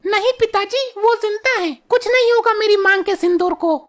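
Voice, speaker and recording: A woman voicing a quarrelsome young wife in a cartoon comedy, shrill and wailing. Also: normal speed, a bit bright. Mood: insistent.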